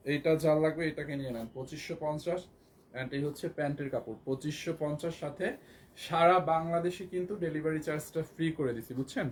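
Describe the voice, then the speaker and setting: A hoarse man with a Bangladeshi Bengali accent, selling clothes on a live stream and repeating prices again and again. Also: a little high, a little mellow, a little hiss or hum. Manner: repetitive, keeps repeating prices and urging viewers to buy. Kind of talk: live shopping sales pitch.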